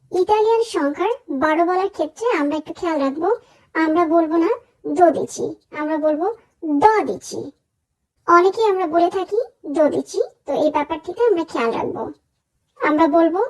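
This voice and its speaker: A woman's voice: very high-pitched, a little mellow. A woman teaching pronunciation in a lesson, speaking carefully and repeating each word for practice. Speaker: language teacher.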